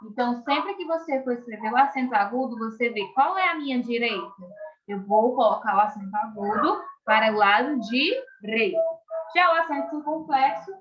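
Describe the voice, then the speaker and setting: A Brazilian woman with a slightly high voice teaches young children through an online video lesson. She speaks slowly and with great clarity, stretching out key words and checking in with her class. The recording sounds echoey and muffled, like a home room captured on a modest mic. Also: lively intonation. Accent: Brazilian Portuguese. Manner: slow, clearly articulated, stretches out words for children; keeps checking in with tag questions. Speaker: primary school teacher.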